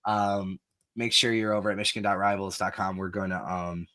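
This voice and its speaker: A man's voice: low-pitched, steady tone, fairly quick, sharp tone, no echo. A man hosting a casual sports podcast, chatty and self-deprecating, who also breaks into subscription plugs. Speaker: podcast host.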